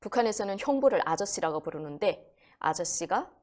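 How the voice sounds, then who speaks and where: A guest storyteller, this woman relates a crime tale in a chatty, animated way, acting out each quoted voice. Her pitch is mid-range and she talks a little fast.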